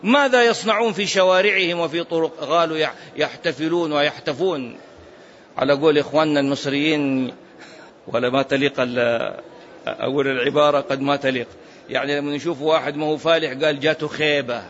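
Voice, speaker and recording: A man's voice: fairly high pitch, steady tone, brisk, fairly bright tone, muffled recording. A man giving a religious lesson as a preacher, emphatic and rhetorical, sometimes chanting phrases. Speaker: Islamic preacher.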